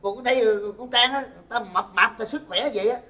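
A man's voice: extremely high pitch, fairly quick, pushed and bright, far from the mic. A man playing an exasperated grown son, who pleads with and teases his mother in a comedy sketch. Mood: whiny. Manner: whiny, teasing, pleading.

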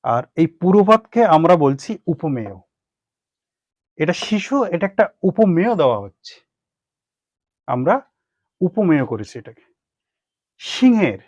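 A man with a Bengali accent gives a grammar lesson in a fairly high voice. He repeats each term, poses questions and answers them himself. The recording is dry and somewhat muffled. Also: no room sound. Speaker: grammar teacher.

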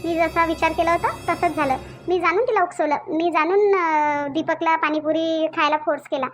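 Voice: extremely high pitch, steady tone, moderate pace, fairly bright tone, soft background music. A performer voicing a scheming young woman who gloats over her plan, with a Varhadi Marathi accent. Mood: gloating. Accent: Vidarbha Marathi (Varhadi). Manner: gloating, self-satisfied monologue. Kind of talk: cartoon voice acting.

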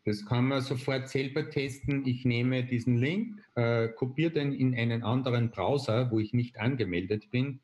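A man, explaining a software tool step by step on a video call, with frequent hesitation fillers. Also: mid-range voice, moderate pace, few pauses. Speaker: presenter. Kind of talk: online webinar demonstration. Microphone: video call webcam.

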